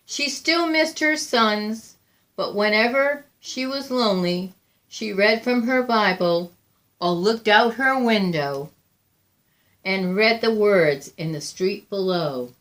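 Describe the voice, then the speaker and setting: A volunteer reader, a woman with a mid-range voice, reads a children's picture book aloud. She tells the story deliberately and expressively, drawing out emphasis and adding pauses.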